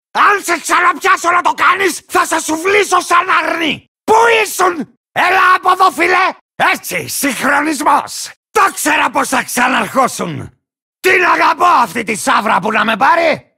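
A male voice plays a war-crazed little video game creature, boastful and hot-tempered, in full cartoonish character. The voice is shrill, gravelly, and cracked, piercingly bright and swinging wildly up and down with lively intonation. Gleeful and wild, it rants and barks like a pompous, unhinged commander, bursting into cackles.

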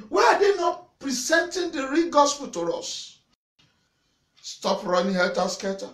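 With a very high voice, a middle-aged pastor gives a sermon to camera inside a small church room, a banner at his back and echo in the recording. His preaching is forceful, full of repeated phrases and sudden loud shouts, and he gestures and waves his arms throughout.

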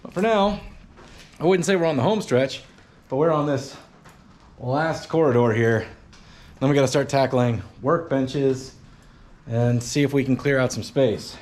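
A man in his forties, a garage channel host, musing aloud in a casual, rambling way while clearing out a cluttered old workshop, filmed on a handheld action camera. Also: mid-range voice, a little mellow, a little hiss or hum. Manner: rambling, musing, lots of fillers and trailing thoughts. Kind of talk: casual vlog commentary while cleaning. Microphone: action camera held at arm's length.

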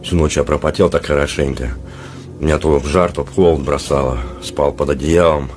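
Speaking to camera from a small dorm room, a man whose throat is sore from illness manages only halting phrases in a worn, extremely low and flat voice. The casual vlog is captured on a handheld phone at arm's length, with slight background noise.

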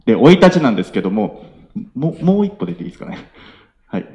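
A man in his late twenties with a Kansai accent, giving a polite self-introduction at a local meetup, often pausing on filler sounds. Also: a little high, sing-song, creaky, darkish tone. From Nara, Japan. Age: 20s. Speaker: young entrepreneur presenter. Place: event hall with audience.

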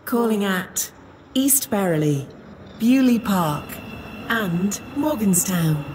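A woman giving formal, measured train station loudspeaker announcements. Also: medium pitch, lively intonation, background noise.

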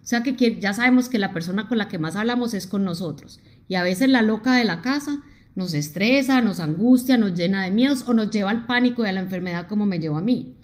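A woman's voice: mid-range voice, brisk. A middle-aged woman from Colombia with a Colombian accent, hosting a live-streamed motivational talk, emphatic and addressing her viewers directly. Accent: Colombian Spanish. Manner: animated and emphatic, reads out viewer comments and talks to them directly.

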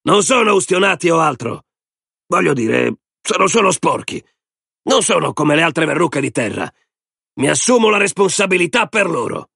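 A man voicing a rough, bossy male camp enforcer who barks orders. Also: on the high side, sing-song, moderate pace, no room sound, clean studio sound, pitched above the performer's own voice, heavily acted. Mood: shouting. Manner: barking, shouting orders.

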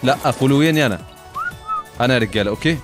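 A man with an Egyptian Arabic accent talks through a game in quick, excitable bursts, swearing and throwing in English phrases. His pitch sits in a middle register, and faint game music plays behind him. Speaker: gamer. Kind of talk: gaming commentary.

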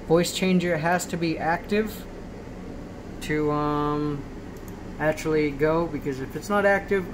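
A man with a fairly high voice gives a casual, off-the-cuff walkthrough of his laptop screen, halting often to check in. He's in a small room indoors, filming the screen with a handheld phone camera, and the home video is noisy with a steady hum.

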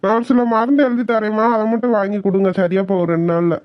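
A woman voicing a calm, reassuring male doctor in a cartoon, speaking gently to a worried mother. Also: mid-range voice, fast, dry recording, dull audio, lightly acted. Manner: gentle, soothing, talks kindly to a worried mother. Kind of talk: cartoon voice acting.

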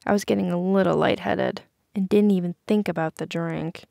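A woman's voice: on the low side, fairly even intonation, normal speed, vocal fry, dark tone, dry recording, studio quality. A woman voicing a carefree teenage party girl who talks in a breezy, playful way. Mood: woozy.

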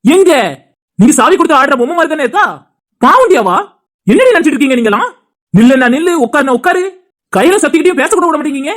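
A woman's voice: sits high, expressive, quick pace, long pauses. Woman voicing a furious scolding husband. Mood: contemptuous. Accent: Tirunelveli Tamil. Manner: scolding, insulting, heated. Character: angry loyal husband defending his brother. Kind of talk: cartoon dialogue acting.

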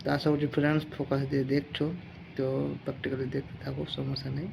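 A man teaching English pronunciation, spelling out letters and then saying each word in a slow, repetitive drill. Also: mid-range voice, completely flat delivery, vocal fry. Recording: dull lo-fi sound with faint noise.

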